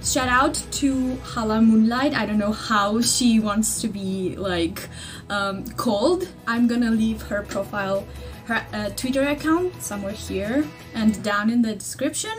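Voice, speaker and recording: A young Greek woman chats to her laptop webcam from a small bedroom, speaking English as a second language with a Greek accent and rambling through many fillers and restarts. Her voice is fairly high, her pace measured, and faint music plays behind her, picked up by the mic at desk distance.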